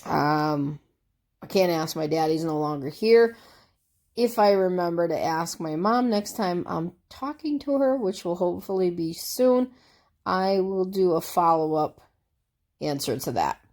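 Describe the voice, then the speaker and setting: Fairly low-pitched and darkish in tone, her voice carries lively intonation and moves a little slowly. The vlogger is stuffed up with a cold as she casually talks through tag questions, meandering easily with fillers and side comments.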